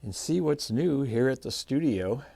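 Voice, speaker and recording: A man hosting a guitar channel, chatting in a relaxed, folksy way while unboxing a new guitar. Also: mid-range voice, measured pace, creaky, a little hiss or hum. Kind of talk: casual unboxing vlog.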